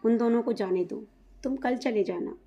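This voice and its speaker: Figure: older mother-in-law, read by a woman narrator. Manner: firm, advising. Tone: mellow. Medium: storybook reading. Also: a little high, moderate pace, lo-fi sound, natural voice.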